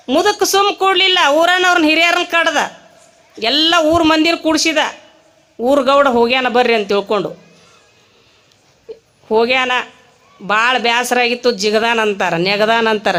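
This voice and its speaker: High-voiced North Karnataka woman preacher. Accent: North Karnataka Kannada. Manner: animated, voices the characters. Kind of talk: comic sermon storytelling.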